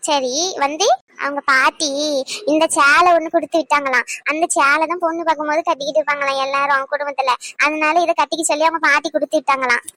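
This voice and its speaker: A woman's voice: high voice, fairly even intonation, fast, bright, forceful tone, no echo. A woman voicing a timid, sheepish young daughter in a cartoon, who talks hesitantly and apologetically. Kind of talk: Tamil cartoon voice acting.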